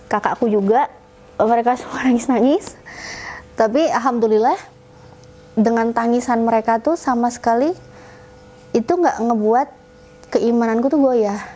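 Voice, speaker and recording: A woman's voice: a little high, warm tone. A woman guest in an interview, telling a personal story casually and acting out her family's lines as she goes.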